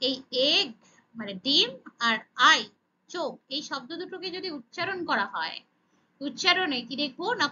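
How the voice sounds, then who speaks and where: High bright-voiced Bengali woman teaching. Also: dull audio. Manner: asks and answers her own questions, says "okay" often. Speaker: English teacher for children. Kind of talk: explaining grammar lesson.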